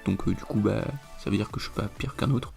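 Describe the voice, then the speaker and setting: A man explaining a trading chart in a screen-recorded tutorial, rambling with many fillers, his voice a little hoarse. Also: on the low side, fast talker, a little mellow, faint music behind. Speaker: trading video host.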